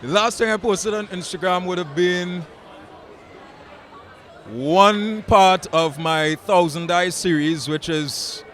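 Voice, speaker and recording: A man, an actor talking in a relaxed, musing way at a red carpet interview. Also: high-pitched, takes it slowly. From Trinidad. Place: outdoor red carpet event. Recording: crowd chatter behind.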